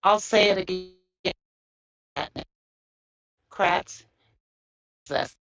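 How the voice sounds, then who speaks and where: A woman's voice: lowish voice, drawn-out words, fairly bright tone. A woman speaking as a podcast panelist over a remote call, her words breaking up and cutting out. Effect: choppy connection, speech breaking up and cutting out. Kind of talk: casual group discussion on a call. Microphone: remote online call. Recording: dull lo-fi choppy call line with faint music.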